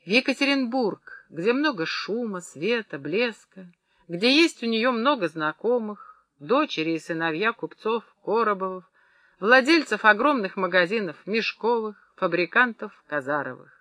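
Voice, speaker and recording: A woman reading a novel aloud in an even, measured narration. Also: mid-range voice, no room sound. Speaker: audiobook narrator. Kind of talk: scripted narration.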